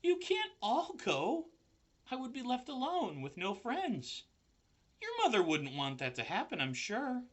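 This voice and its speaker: A man's voice: extremely high pitch, wildly swooping pitch, measured pace, voice pushed up, full character voice. A man voicing an anxious, earnest, kind-hearted young pig while reading a children's story aloud. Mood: pleading. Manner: pleading, earnest.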